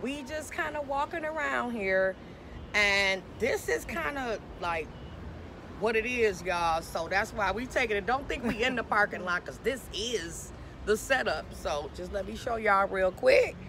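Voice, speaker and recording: A woman's voice: medium pitch, lively intonation, unhurried. A woman in her thirties vlogging casually while walking through a flea market, blunt and chatty, talking to her viewers. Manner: chatty, blunt, laughing, talks to viewers as y'all. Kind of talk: casual vlog narration. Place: outdoor parking lot, then big indoor flea market. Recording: loud background noise.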